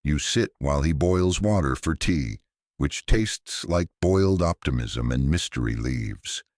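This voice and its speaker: Deep-voiced man, soft-spoken sleep narration. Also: animated, dry recording, studio quality. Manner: soft-spoken, unhurried, gently wry. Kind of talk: calm scripted sleep-story narration.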